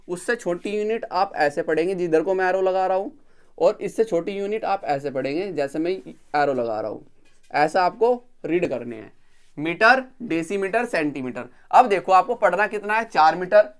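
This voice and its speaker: Guy teaching a drawing class on video, says everything twice, counts slowly, keeps asking if it's clear. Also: sits high. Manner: repeats each step, checks understanding. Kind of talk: recorded video lecture.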